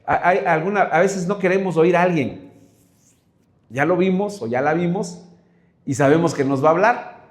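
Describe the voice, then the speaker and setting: A Mexican man preaches a sermon in a fairly high voice, with a Mexican Spanish accent. He drives his points home by stacking rhetorical questions, and his voice rings in an echoey room. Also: moderate pace, long pauses. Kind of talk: sermon Bible study.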